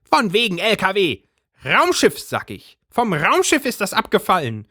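A man's voice: high voice, huge pitch swings, moderate pace, sharp tone, no echo, clean studio sound, pitched above the performer's own voice, heavily acted. A man voicing a suspicious, bossy middle-aged housewife who talks in an indignant, conspiratorial way. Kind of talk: storybook reading.

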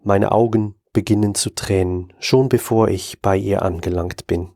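Low-voiced man reading a horror story. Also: fairly even intonation, normal speed, mellow, no room sound, studio quality. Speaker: narrator. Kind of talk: scripted first-person horror story reading.

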